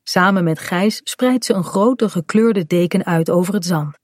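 A woman calmly reading a children's story aloud in a gentle storytelling manner. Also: lowish voice, a little slow, no room sound, studio quality. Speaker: storybook reader.

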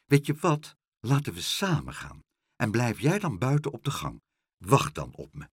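A man voicing a mild, timid older gentleman in a storybook reading, quiet and hesitant. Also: mid-range voice, huge pitch swings, moderate pace, breathy edge, dry recording, studio quality, exaggerated voice.

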